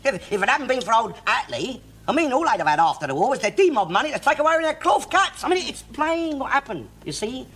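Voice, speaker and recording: An actor playing a loudmouthed, bigoted, middle-aged working-class man, ranting and swearing in a Cockney accent. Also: very high voice, very animated, fairly quick, hardly any pauses, husky, exaggerated voice. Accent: London Cockney. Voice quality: loud, ranting, swears constantly, tag questions. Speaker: sitcom lead character. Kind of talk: 1960s TV sitcom acting. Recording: noisy old TV soundtrack.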